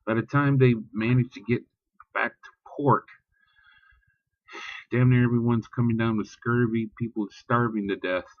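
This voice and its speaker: A man's voice: mid-range voice, fairly even intonation, normal speed, long pauses, dry recording, lo-fi sound. A man ranting bluntly and profanely in a casual vlog, talking about religion with heat. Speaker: vlogger. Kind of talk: casual spoken rant.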